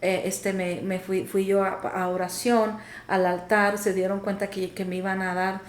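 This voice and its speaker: A woman's voice: medium pitch, flat delivery, normal speed. A woman co-host earnestly sharing her personal testimony, hesitating often with fillers. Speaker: podcast co-host. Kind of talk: casual faith talk, personal testimony. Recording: echoey room, faint ambience.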